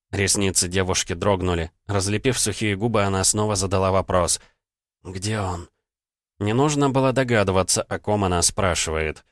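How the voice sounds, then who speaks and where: A man narrating an audiobook in a measured, steady reading style, recorded close to the mic. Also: low voice, dry recording.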